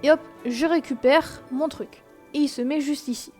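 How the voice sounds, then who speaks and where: A young woman with a slightly high voice walks viewers through a game in a chatty screen-recorded tutorial. She explains step by step, fills pauses with hesitations and tosses in self-mocking asides. Soft game music plays faintly behind her. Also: steady tone. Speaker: gaming tutorial host.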